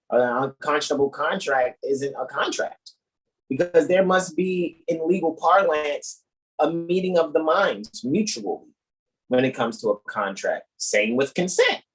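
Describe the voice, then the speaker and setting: A man hosts a casual talk in a rough, husky voice. His pitch moves around a lot as he reads out definitions with emphasis, breaking off to comment and check in. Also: low-quality recording. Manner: emphatic, says quote and end quote, checks with "right?". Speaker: host.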